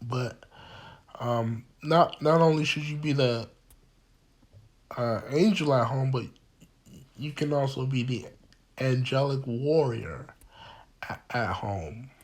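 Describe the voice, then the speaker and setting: Slow, halting congested man lecturing. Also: mid-range voice, a little mellow. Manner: halting, many repeated words and ums; earnest, addresses listeners directly. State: congested from a cold. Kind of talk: informal mini lecture.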